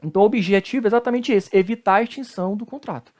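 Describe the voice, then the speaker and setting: A man with a Brazilian Portuguese accent, a law professor giving a recorded lecture, explaining step by step with frequent tag questions and slowing down to pronounce Latin terms. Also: high voice, a little mellow.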